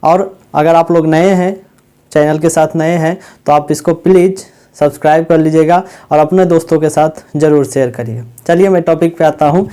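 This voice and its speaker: A man teaching a Hindi grammar lesson, asking his students questions and then answering them himself, repeating the key words slowly. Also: fairly high pitch, steady tone, mellow, smooth.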